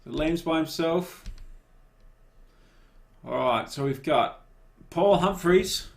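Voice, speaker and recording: Gravelly man commentating a race. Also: fairly high pitch, slow. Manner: relaxed, encouraging riders by name. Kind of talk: casual live race commentary.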